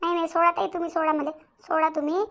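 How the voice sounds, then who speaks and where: A woman voicing a fed-up young daughter-in-law in a cartoon who threatens her aunt-in-law with a rolling pin, with a loud, fiery, defiant delivery. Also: very high voice, little pitch movement, quick pace, noisy background. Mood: furious. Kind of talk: cartoon voice acting.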